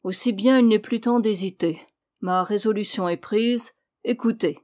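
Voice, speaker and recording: A woman reading the lines of a stern old male nobleman in an audiobook, slow and solemn. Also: medium pitch, a little mellow, natural voice.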